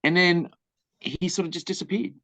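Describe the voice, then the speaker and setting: A man's voice: sits high, steady tone, normal speed, a bit bright, no room sound. An Australian man, a film director, answering interview questions in a candid, rambling way and acting out the people in his stories. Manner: candid, rambling storyteller who acts out quoted people. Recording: dull lo-fi dry recording.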